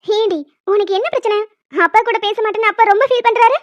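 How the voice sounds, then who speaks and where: A woman voicing a calm young wife and mother who soothes her husband with light amusement in a cartoon. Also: extremely high pitch, fast, no echo. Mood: soothing. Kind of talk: cartoon voice acting. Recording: dull lo-fi dry recording.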